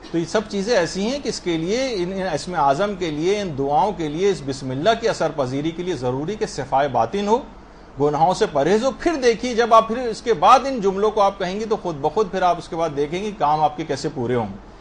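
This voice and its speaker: A man's voice: high-pitched, lively intonation, slight background noise. A man teaching a religious lesson in an earnest, explanatory way, demonstrating how words should be pronounced. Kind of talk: lecture on prayer to a female audience.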